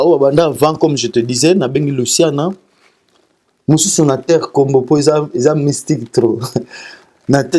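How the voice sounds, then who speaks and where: A male singer, interviewed as a guest, chats casually and sends greetings in a mellow, medium-pitched voice. He speaks haltingly, often repeating syllables and starting over.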